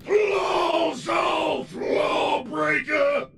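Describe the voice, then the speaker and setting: A man's voice: extremely high pitch, very slow, gravelly, shouting, crowd noise, heavily acted. A man voicing a pompous, menacing sea-creature captain of the guard in a video game, proclaiming theatrically. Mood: outraged.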